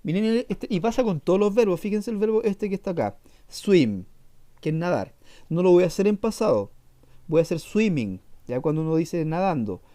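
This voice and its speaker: A man's voice: high voice, sing-song, brisk, mellow. A man teaching an English class, explaining patiently and repeating himself with fillers. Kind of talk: online class lesson.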